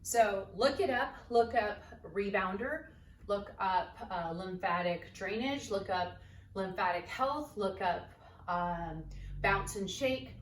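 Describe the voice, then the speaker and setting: A woman yoga instructor leading an exercise lesson, energetic and coaxing, out of breath as she bounces on a trampoline while she talks. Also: medium pitch, a little hiss or hum. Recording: roomy, distant camera mic, faint ambience.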